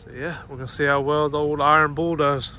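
A man in his thirties with a relaxed, folksy manner, vlogging casually about his work while standing outdoors at a job site, filmed on a phone held at arm's length. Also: fairly high pitch, brisk. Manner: relaxed, folksy, says y'all. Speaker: vlogger running dumpster rentals and a tree service. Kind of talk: casual vlog narration. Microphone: phone camera held at arm's length. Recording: outdoor phone audio with faint background noise.

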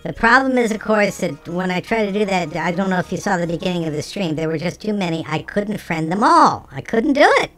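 A game streamer talking through a voice changer that shifts the pitch, chatting casually with viewers while playing. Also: lively intonation, brisk, hardly any pauses, sharp tone, faint music behind. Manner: chatty, talks to chat between game actions. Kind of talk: casual let's-play chat with viewers.

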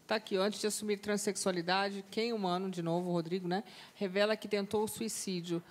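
A woman with a mid-range voice hosting a studio talk show. She steers the interview briskly, asking plain, direct questions. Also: medium pitch, fairly even intonation.

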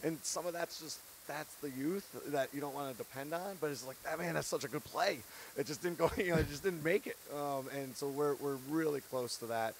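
A slightly high, creaky voice comes from a head basketball coach in his thirties who talks a little fast. The audio is poor with slight background noise as he gives an earnest, candid post-game interview on a handheld mic from a courtside set in an empty arena, laughing between points.

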